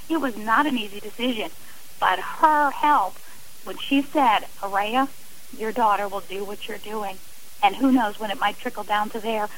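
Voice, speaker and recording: On a rough recording, a middle-aged woman with a voice on the high side shares a personal story as a guest on a radio interview. She speaks conversationally but with earnest emphasis.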